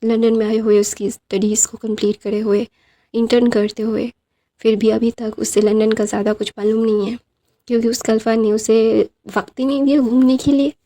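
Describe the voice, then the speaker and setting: A woman narrates a fan story casually, rambling with fillers and English words mixed in. Her voice is gravelly and dark, fairly high but flat in its melody. She keeps an easy storytelling pace. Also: moderate pace.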